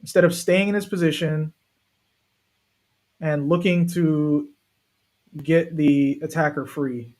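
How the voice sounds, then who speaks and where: A man's voice: on the high side, fairly even intonation, slow pace, long pauses, a little mellow. A man hosting a live football watch-along, chatting casually and talking straight to his viewers. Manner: chatty, talks directly to viewers. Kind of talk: casual live match commentary.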